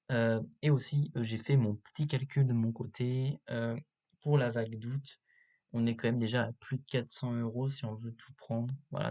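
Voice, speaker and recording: Guy doing a casual toy review vlog, soft mellow voice, lots of hesitating, cheap computer mic. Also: medium pitch. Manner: hesitant, halting delivery with many filler pauses. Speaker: YouTube host reviewing toy sets. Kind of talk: casual unscripted video commentary. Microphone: built-in laptop microphone. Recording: cheap built-in laptop microphone.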